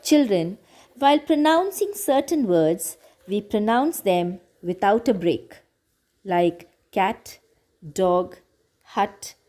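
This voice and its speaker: Slow, patient woman teacher. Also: medium pitch, warm tone. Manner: patient, repeats words slowly and clearly. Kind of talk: slow classroom grammar lesson.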